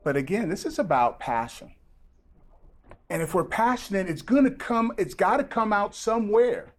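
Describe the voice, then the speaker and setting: Animated man preaching with lively pitch. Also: moderate pace. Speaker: pastor. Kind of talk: sermon.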